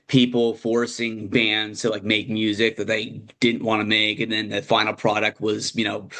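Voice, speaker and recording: A man interviewing a musician in a relaxed, encouraging, conversational way. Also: fairly low pitch. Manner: laid-back, encouraging, conversational. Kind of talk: casual interview chat.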